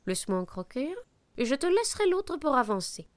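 A woman voicing a greedy, flattering owl in a storybook reading, sweet and coaxing. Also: sits high, fairly quick, no echo, voice pushed up.

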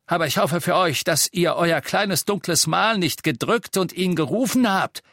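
Gruff older male innkeeper wizard, bellowing, defiant. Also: mid-range voice, animated, slow, dry recording, clean studio sound. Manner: bellowing, scornful.

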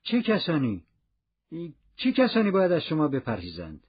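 Man reading as a wary guarded fugitive, short careful questions, husky voice, muffled audio. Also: a little high, huge pitch swings, exaggerated voice. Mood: cautious. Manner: cautious, terse questions. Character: guarded middle-aged male fugitive, cautious and questioning. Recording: dull lo-fi audiobook recording.

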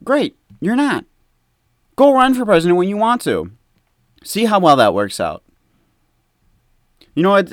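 A man from the United States ranting about others, his voice exasperated and mocking, swinging widely in pitch and sitting a little high for a man. The sound is dry and close, with no room around it. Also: no echo. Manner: exasperated, mocking, mimics people in a lower voice. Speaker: commentator. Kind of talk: opinion rant to camera.

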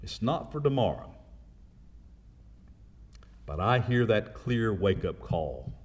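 Man, pastor, sermon, slow delivery, emphatic rises, hushed low asides. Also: sing-song. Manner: emphatic preaching, swings between loud rises and quiet low asides.

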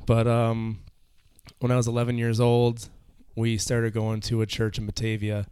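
A man's voice: mid-range voice, monotone, normal speed, warm tone, clean tone. A man as a podcast guest, telling his own story in an earnest, slightly nervous way. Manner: earnest, a little nervous, with fillers. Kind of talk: casual storytelling.

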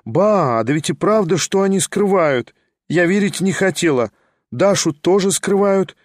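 A man voicing an impulsive, lively young woman. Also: high voice, no echo, studio quality, voice pushed up. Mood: eager. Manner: excited, rushing, emotional exclamations. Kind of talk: audiobook character voice.

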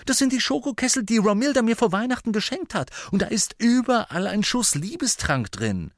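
A man voicing an impatient, exasperated teenage boy wizard who speaks in a raised, sharp voice. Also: high-pitched, big pitch swings, brisk, no echo, clean studio sound, voice pushed up.

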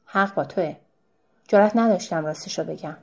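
A woman reading the part of a weary, evasive middle-aged husband in a novel, giving low, subdued, defensive replies. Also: breathy edge.

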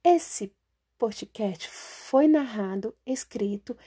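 A woman reading a children's story aloud in a gentle, teacherly way, often hushed. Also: on the high side, lively intonation, very slow, slightly rough.

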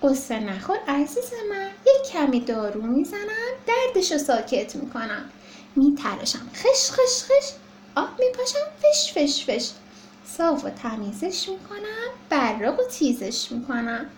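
A woman's voice: high voice, sing-song, a little hiss or hum. Woman voicing a cheerful kind dentist. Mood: reassuring. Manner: cheerful, reassuring. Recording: roomy echo.

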